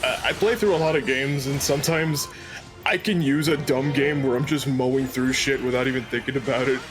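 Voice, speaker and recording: A man's voice: mid-range voice, fairly quick, music in the background. A man in casual chat with friends on a game stream, talking in a jokey, rambling way.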